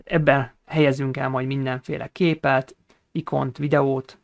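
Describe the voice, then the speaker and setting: A man teaching a coding tutorial over a screen recording, explaining each step and pausing often on hesitation sounds. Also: medium pitch, little pitch movement, creaky, dry recording. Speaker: programming instructor.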